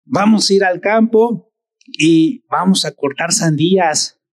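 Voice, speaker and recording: A man's voice: sits high, takes it slowly, no echo. Man playing a bewildered country father, raised voice, questioning, dry. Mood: instructing. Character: father out stealing watermelons, puzzled.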